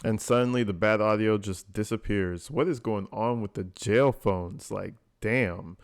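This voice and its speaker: A commentator host reacts to a jail call recording with casual, blunt, informal commentary, slangy and full of swearing. His voice is lowish, unhurried, and clean in tone.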